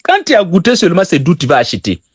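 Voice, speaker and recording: A man's voice: fairly high pitch, big pitch swings, fast talker, breathy edge, dry recording. A man from Burkina Faso with a Burkinabè French accent, teaching sales techniques and repeating his key phrases for emphasis. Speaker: sales trainer.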